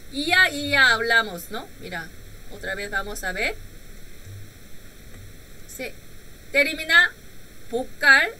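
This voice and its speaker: A woman whose first language is Korean leads a live-streamed language lesson. Her voice is very bright and a little high, with a lively, swooping pitch. She talks patiently and slowly through each point, often checking in with a questioning "right?". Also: slight background noise, poor audio. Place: home room.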